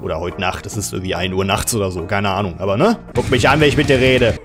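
A man hosting a let's play with casual, jokey commentary, often yelling and laughing at the game. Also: on the low side, quick pace, over music.

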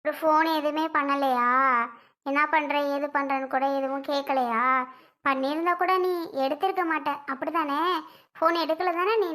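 A woman's voice: sits high, steady tone, moderate pace, fairly bright tone. Woman playing a nagging mother. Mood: probing. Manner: nagging, insistent. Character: scolding mother fussing over pregnant daughter.

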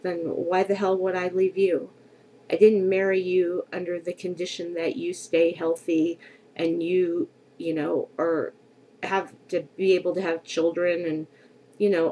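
Talking into a desk-distance webcam in her bedroom, a middle-aged woman with a cold records a personal vlog, her speech candid, reflective and full of hesitations. Her voice is lowish and mellow, congested from the cold. The audio quality is poor.

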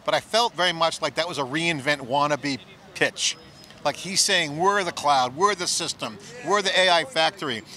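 Brief: middle-aged male tech host, slightly high, crisp bright voice, handheld mic outside. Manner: rapid, enthusiastic, riffing. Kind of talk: on-site analysis chat. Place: outdoor plaza at a conference.

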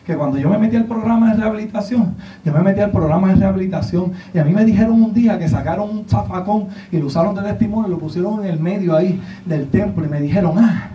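A man from Puerto Rico with a Puerto Rican accent, preaching a sermon with animated, humorous storytelling. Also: high voice, quick pace. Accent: Puerto Rican Spanish. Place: large church hall. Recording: echoey church from a distant mic, dull lo-fi sound.

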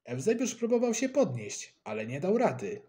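Expressive male storybook narrator. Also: a little high, moderate pace. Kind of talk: storybook reading.

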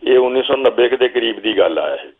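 An older Punjabi man, a guest telling a long story from memory at an unhurried pace, now and then quoting what he told the players. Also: medium pitch, animated, husky. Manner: slow reminiscing storyteller, quotes himself calling instructions. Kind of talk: storytelling interview. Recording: phone-like narrow sound.

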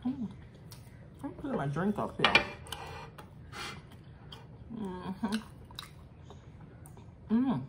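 A woman's voice: mid-range voice, very slow, long pauses, noisy background. A woman on a casual eating vlog, talking while chewing and murmuring as she eats. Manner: relaxed murmurs of enjoyment. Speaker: mukbang vlogger.

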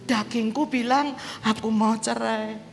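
A woman's voice: on the high side, fairly even intonation, unhurried, gravelly. A woman evangelist preaching a sermon with a personal testimony, telling her story vividly and acting out the dialogue. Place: large church hall. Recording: church hall reverb with background music.

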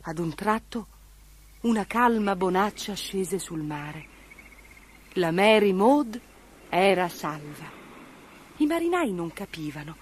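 A woman narrating a children's fairy tale in an expressive, varied scripted reading. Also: mid-range voice, takes it slowly, long pauses, slight background noise. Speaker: storyteller.

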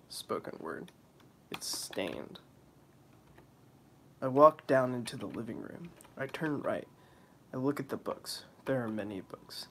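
A young let's play commentator casually remarks on a video game and reads its text aloud, wry and offhand, slipping into mock voices and whispers. His voice is medium-pitched, and there's a little hiss or hum in the audio.

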